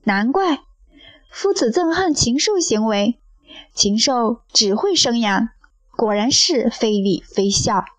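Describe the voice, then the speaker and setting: A woman reading a playful young male disciple in an audio story, who mutters softly. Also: on the high side, expressive, takes it slowly, dry recording. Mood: musing. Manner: soft, muttering.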